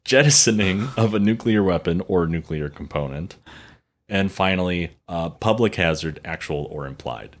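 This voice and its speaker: Deep-voiced man telling a story. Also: animated, normal speed. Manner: playful storytelling, laughs often. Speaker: podcast co-host. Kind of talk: casual chat.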